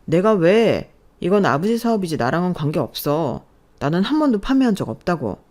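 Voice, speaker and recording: A woman's voice: lowish voice, big pitch swings, a little fast, darkish tone. A woman voicing an arrogant young man who is being exposed as a fraud, talking in a scornful, defensive way.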